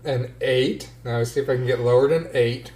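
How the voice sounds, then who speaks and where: A man's voice: medium pitch, fairly quick, darkish tone, roomy sound. A man playing a tabletop game who jokes and teases the others. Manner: joking, teasing. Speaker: player. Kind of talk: casual tabletop game chat.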